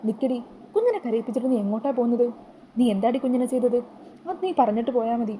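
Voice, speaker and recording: An older family patriarch as a woman storyteller puts him on, appealing earnestly and at length. It is delivered quickly in her own slightly high, mellow voice. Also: animated, slight background noise, lightly acted, rough recording. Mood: stern.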